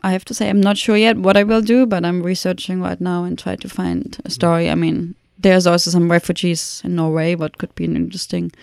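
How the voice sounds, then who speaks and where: A middle-aged woman from Germany, speaking with a German accent, talks as a photographer guest in an interview, in a reflective, halting way with frequent restarts. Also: lowish voice, flat delivery, creaky, darkish tone, no echo, clean studio sound. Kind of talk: conversational interview.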